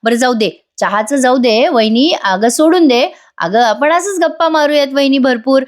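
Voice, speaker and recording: A woman's voice: sits high, animated, normal speed, pitched above the performer's own voice. A woman voicing a scheming middle-aged man who coaxes and wheedles. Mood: coaxing. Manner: coaxing, wheedling.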